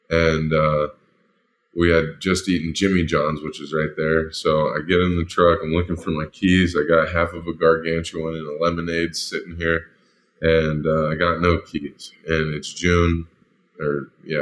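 A man's voice: extremely low pitch, fairly bright tone. A man, a former football lineman, casually tells a story, rambling and filling it with "like" and "you know". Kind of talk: casual spoken anecdote.

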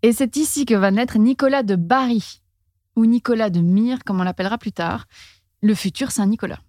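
A woman's voice: on the high side, normal speed, dark tone, no echo, clean studio sound. A woman hosting a casual comic storytelling chat, talking loosely with slang and laughing as she goes. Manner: chatty, laughs while telling, slangy. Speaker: storyteller host.

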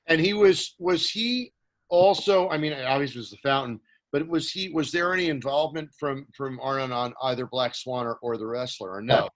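A man hosts an interview and poses long, winding questions, restarting as he searches for words. His pitch sits in the middle range. The delivery is conversational and unscripted. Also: moderate pace.

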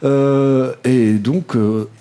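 A man's voice: medium pitch, steady tone, drawn-out words, dark tone. A young man hosting a student radio chat, casual and joking, often laughing. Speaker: show host.

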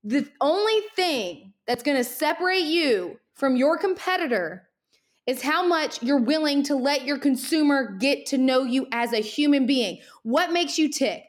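A young woman hosting a solo podcast, her voice a touch higher than most. She talks at great speed and in an animated, motivational way, a little out of breath from the rush. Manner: energetic, animated, talks very fast. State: winded. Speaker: podcast host, social media marketer.

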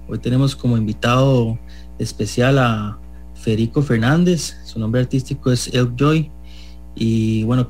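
A man hosting a radio show, chatting quickly with filler words while interviewing a guest. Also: mid-range voice, a little mellow. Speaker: radio host.

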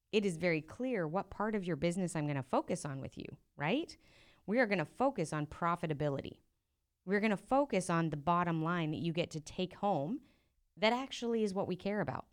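A woman speaking alone on her podcast, coaching her listeners. Her voice is clear and smooth and sits a little low for a woman. She talks in a direct, encouraging way and keeps tossing out rhetorical questions. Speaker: podcast host and profit coach. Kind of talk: solo podcast coaching talk.

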